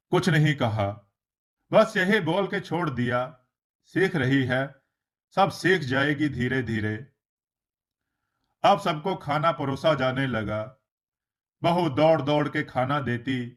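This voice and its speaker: Male storyteller, fairly high voice, slow measured narration of a moral tale. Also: a bit bright. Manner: slow, measured storytelling, voicing the characters' quoted lines.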